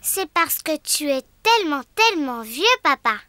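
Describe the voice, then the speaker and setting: A performer voicing a cheerful, excitable little girl pig in a children's cartoon, with an eager, bubbly, childlike manner. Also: high-pitched, moderate pace, no echo, exaggerated voice. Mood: earnest, playful.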